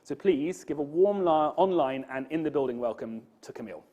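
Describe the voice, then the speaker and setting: A man's voice: on the high side, lively intonation, brisk, dull audio, background noise. A man hosting a lunchtime talk, reading housekeeping notices and introducing the guest, with frequent ums and uhs. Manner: reads housekeeping notices with fillers. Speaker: studio host introducing speaker. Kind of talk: event introduction.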